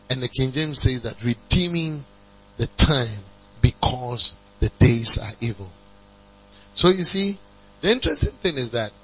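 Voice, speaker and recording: A man preaching a sermon, calling on the congregation to respond and building to emphatic high passages. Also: fairly bright tone, husky. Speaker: pastor. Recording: dull lo-fi recording with mains hum.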